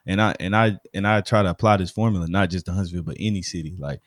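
This podcast speaker and studio DJ from Alabama, United States, talks fast in a deep, steady voice with a Southern accent. It's a casual conversational discussion full of slang, and he keeps checking that his listener follows. The recording has clean studio sound with no room sound.

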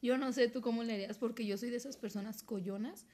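A young woman with a Mexican accent on a casual podcast, telling a scary story in an excitable way, with swearing and laughter. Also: a little high, fast talker. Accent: Mexican Spanish. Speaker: podcast co-host.

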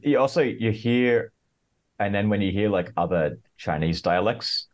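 A man's voice: lowish voice, expressive, measured pace. A man as a podcast guest, talking casually and hesitantly, full of "like" and restarts. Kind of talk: casual interview chat.

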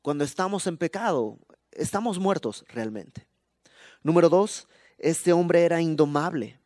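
Mexican male preacher, higher-pitched voice, emphatic conversational sermon, dry close sound. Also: measured pace, darkish tone, dry recording. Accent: Mexican Spanish.

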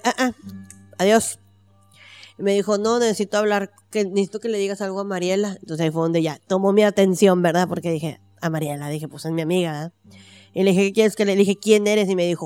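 A woman's voice: medium pitch, darkish tone, clean tone. A woman with a Mexican accent telling a personal story in casual chat, acting out the voices she quotes and using slang.

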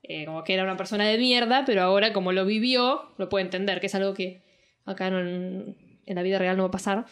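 A young woman with a Rioplatense accent, telling a story in slangy, animated casual chat. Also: mid-range voice, fast talker. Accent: Rioplatense Spanish.

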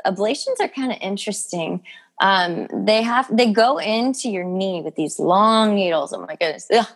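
A young adult woman speaking as an interview guest in a casual, personal, informal way, with plenty of conversational filler. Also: mid-range voice. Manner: informal, peppers speech with "you know" and "like". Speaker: podcast guest telling her health story.

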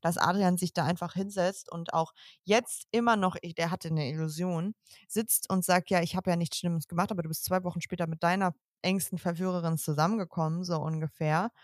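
A woman's voice: on the low side, steady tone, a little fast, no echo, studio quality. A young woman co-hosting a casual podcast chat, arguing her point emphatically with restarts and quoted asides. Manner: emphatic, frequent restarts and quoting. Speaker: podcast co-host.

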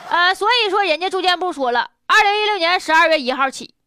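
A woman's voice: very high voice, animated, fast, bright, forceful tone, dry recording, studio quality. A woman with a Northeastern Mandarin accent hosting humorous, colloquial news commentary in a blunt, opinionated way. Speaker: host of a news commentary show.

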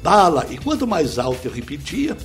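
A middle-aged man, explaining a teaching method as an interview guest through lively step-by-step examples. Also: fairly high pitch, brisk, faint music behind. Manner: lively, didactic, full of examples. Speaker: speed-reading teacher, guest.

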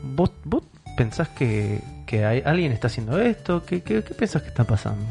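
A man's voice: mid-range voice, big pitch swings, normal speed, gravelly, darkish tone, soft background music. Probing Argentine man questioning in-game. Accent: Argentine Spanish. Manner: probing, repeats his questions, jokey. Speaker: player. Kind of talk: in-character questioning in a tabletop game.

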